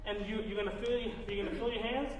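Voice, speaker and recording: A man's voice: high-pitched, steady tone, quick pace. A man teaching a voice master class, coaching a singer with encouraging, demonstrative directions. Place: recital hall, live audience setting. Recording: echoey hall with faint music.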